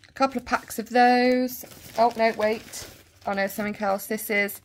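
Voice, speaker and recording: A woman with a Bristol accent chatting casually as she unboxes a nail kit and thinks out loud. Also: a little high, steady tone, normal speed. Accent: Bristol English. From Bristol, England. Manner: chatty, thinking aloud, trailing asides. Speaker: nail vlogger.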